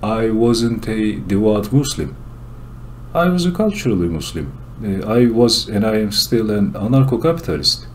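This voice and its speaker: A man from Turkey with a Turkish accent gives a solo commentary monologue in English, explaining his points earnestly and deliberately. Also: lowish voice, expressive, a little mellow, a little hiss or hum. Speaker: channel host.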